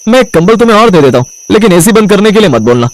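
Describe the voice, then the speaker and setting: A man's voice: high voice, big pitch swings, rapid-fire, no echo. A man voicing a stubborn young husband in a cartoon story, talking in an offhand, dismissive way.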